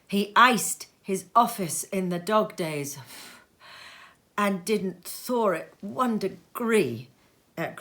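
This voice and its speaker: In her sitting room at home, a woman with a mid-range voice reads a classic story aloud slowly and expressively, now and then dropping to a whisper.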